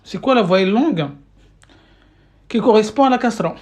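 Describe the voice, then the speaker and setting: An Arabic teacher with a somewhat high, slightly mellow voice and lively intonation gives a live-streamed lesson in French at normal speed. Picked up on a phone or webcam mic, she patiently repeats her questions to viewers, often using fillers and restarting.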